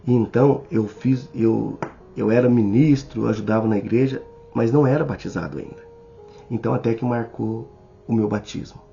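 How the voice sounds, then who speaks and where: A man with a Brazilian Portuguese accent teaching a Bible study in a sermon style, speaking slowly and deliberately and addressing the listener directly. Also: fairly low pitch, vocal fry, mellow. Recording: slightly dull recording with faint music.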